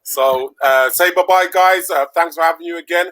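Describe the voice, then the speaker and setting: Caribbean-born male host, higher voice, bright tone, chatty and rambling, video call audio. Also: rough recording. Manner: chatty, rambling, quick to laugh. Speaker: podcast host. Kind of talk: casual online show chat.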